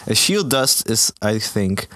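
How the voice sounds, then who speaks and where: A young man co-hosting a comedy podcast, hesitant and deadpan. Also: fairly low pitch, slow, a little hiss or hum. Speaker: podcast co-host. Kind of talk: casual comedic chat.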